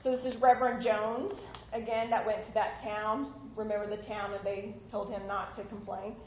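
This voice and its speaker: A woman's voice: mid-range voice, flat delivery, moderate pace, echoey room, dull audio, a little hiss or hum. A woman instructor giving a recorded online lecture in a conversational way, often stopping for small asides.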